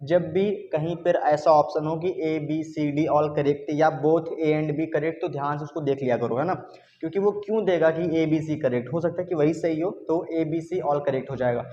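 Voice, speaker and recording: An Indian man teaching an exam grammar lesson in a high, mellow voice. He breaks each question down step by step and keeps asking his students what the answer will be. The recording is dull and lo-fi, with a faint hiss behind him. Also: moderate pace. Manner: explains step by step, repeats questions back to students. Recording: dull lo-fi sound with faint noise.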